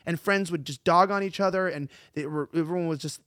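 A man from Los Angeles co-hosting a casual panel chat, riffing in rambling animated bursts. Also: on the high side, clear, resonant tone, no echo, studio quality. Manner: rapid rambling riffs, animated. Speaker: co-host.

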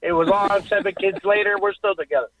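A man's voice: high voice, fairly even intonation, quick pace, a bit bright, no room sound. A middle-aged man calling in to a sports radio show over the phone, upbeat and confident. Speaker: radio call-in listener. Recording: tinny phone line on radio.

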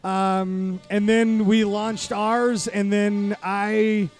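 A man's voice: sits high, little pitch movement, extremely slow. A man telling anecdotes casually as a guest on a podcast. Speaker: podcast guest and company founder. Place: bar under construction.

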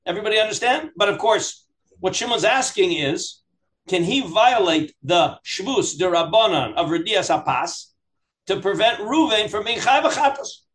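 A man teaches a Talmud class as a rabbi, reading aloud and explaining in an animated, questioning way. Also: high voice, normal speed, reverberant, rough recording. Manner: animated, questioning, acts out examples in dialogue. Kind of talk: interactive text lesson, reading aloud and explaining.

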